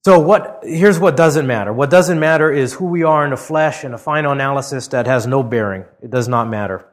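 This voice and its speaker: A middle-aged pastor from Hawaii preaches an expository sermon, reading scripture aloud with rising emphasis before shifting into a conversational style with some fillers. His medium-pitched voice is brisk.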